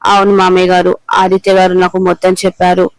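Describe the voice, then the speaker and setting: A man reading the lines of a kind young daughter-in-law gently reassuring her father-in-law, in a clear voice. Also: sits high, completely flat delivery, quick pace, no echo, close to an everyday voice, low-quality recording. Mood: consoling.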